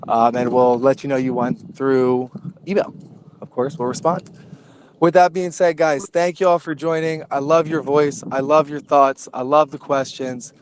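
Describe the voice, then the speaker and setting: A man's voice: medium pitch, level tone, moderate pace, slight background noise. A man hosting a casual community voice chat, upbeat and rallying his listeners. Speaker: crypto community host.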